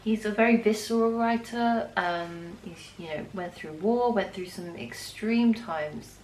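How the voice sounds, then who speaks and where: A woman's voice: medium pitch, a little slow, a little mellow, distant mic. A young woman chatting casually with a friend, speaking thoughtfully about books. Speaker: writer, friend of the vlogger. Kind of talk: casual chat. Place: indoors at night, a rented flat. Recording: echoey room, a little off-mic, faint noise.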